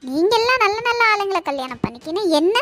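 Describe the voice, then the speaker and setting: A woman voicing a spiteful, sharp-tongued sister-in-law. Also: very high-pitched, very animated, fast talker, full character voice. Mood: bitter. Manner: cutting, resentful, taunting. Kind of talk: cartoon voice acting. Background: faint background music.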